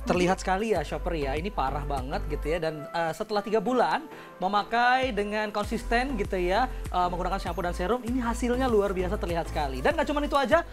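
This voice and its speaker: Guy with a high voice rattling off an infomercial pitch, talks really fast. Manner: chatty, exclaiming, promotional. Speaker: home shopping host. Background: background music.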